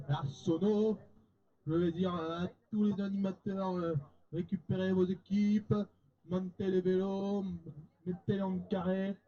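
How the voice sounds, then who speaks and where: A man's voice: high-pitched, warm tone. A young man at a camp evening show telling a comic made-up daily routine in a put-on Marseille accent, playful and mock-boastful. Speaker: camp staff member playing a stage game. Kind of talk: improvised comic monologue. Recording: dull lo-fi sound.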